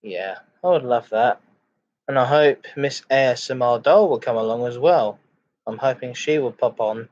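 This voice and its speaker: A man hosting a casual livestream chat, greeting viewers in a halting, repetitive way. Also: mid-range voice, a little mellow. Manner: halting, repeats phrases. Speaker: live streamer, host of a chat and ASMR stream. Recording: dull lo-fi microphone sound.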